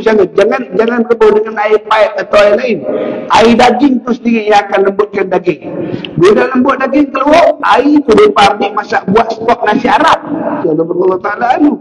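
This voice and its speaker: A high-voiced man with a Malaysian Malay accent preaches in a relaxed storytelling way, sprinkling in pious exclamations. He sounds set back from the mic in an echoey room. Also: far from the mic. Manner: storytelling, frequent pious interjections, lively. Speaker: religious teacher. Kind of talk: casual sermon.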